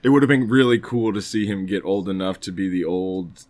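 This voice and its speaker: A man co-hosts a casual podcast with a deep, darkish voice, talking a little fast. He rambles informally and swears mildly.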